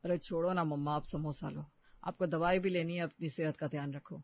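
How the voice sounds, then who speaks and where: A woman's voice: deep voice, steady tone, dry recording. Give me a commanding older mother-in-law in a cartoon, on a dull lo-fi recording. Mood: bossy. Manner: bragging, commanding. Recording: dull, dry lo-fi.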